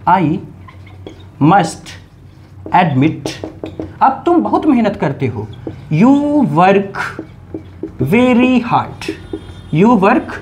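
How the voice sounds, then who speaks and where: A man teaching a video lesson, explaining grammar in an animated way and playfully scolding his students in jest. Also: high voice, a little hiss or hum. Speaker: English teacher.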